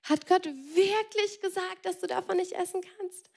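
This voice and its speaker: A woman voicing a sly serpent who tempts with slow, repeated needling questions. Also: very high voice, creaky, darkish tone, voice pushed up, exaggerated voice. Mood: insinuating.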